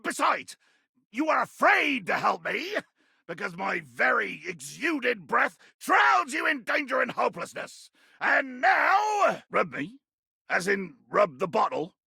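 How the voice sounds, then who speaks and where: A man voicing a bombastic, bloodthirsty pirate captain in a video game, with a raspy, gravelly growl and grandiose, archaic seafaring speech. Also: extremely high pitch, sharp tone, no echo, studio quality, full character voice. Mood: menacing, bombastic. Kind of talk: theatrical video game character acting.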